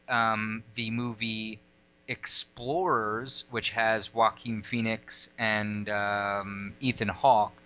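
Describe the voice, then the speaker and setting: A man's voice: lowish voice, bright, forceful tone. A man co-hosting a podcast in casual, rambling chat, drifting from one tangent to the next with plenty of fillers. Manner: rambling, digressive, lots of fillers. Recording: lo-fi audio.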